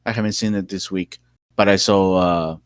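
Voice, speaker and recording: Podcast cohost guy, lowish voice, dry close sound, rambles with lots of uhs. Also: steady tone, moderate pace, clear, resonant tone, dry recording. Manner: rambling, many fillers and restarts. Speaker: podcast co-host. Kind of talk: casual chat.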